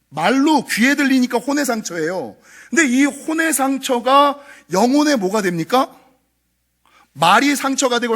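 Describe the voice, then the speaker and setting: A male senior pastor preaching a Sunday sermon in a church, acting out parents' scolding lines and asking the congregation questions. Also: sits high. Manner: animated preaching, acts out scolding parents' voices; asks the congregation questions and answers them. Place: church sanctuary.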